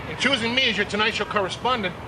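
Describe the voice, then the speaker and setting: A man's voice: high voice, rapid-fire, noisy background. A man making a brash, jokey audition tape. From Brooklyn, New York. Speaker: correspondent applicant.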